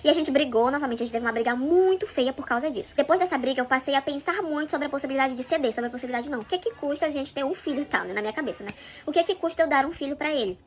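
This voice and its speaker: A woman's voice: high-pitched, racing. A woman telling a first-person story in a chatty, confiding way, talking straight to her viewers.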